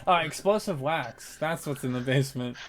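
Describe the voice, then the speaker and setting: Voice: mid-range voice, normal speed, a crowd in the background. A game master narrating and bantering over a tabletop game in a playful, theatrical way.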